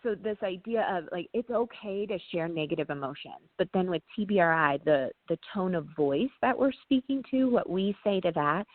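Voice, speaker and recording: Woman parenting trainer on a phone-ish line, lower voice, lots of um and right?, dead dry sound. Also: expressive, moderate pace, few pauses, no room sound, phone-quality sound. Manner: talks through ideas with frequent "um" and tag "right?". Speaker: parenting training specialist, guest. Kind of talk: casual explanatory interview talk.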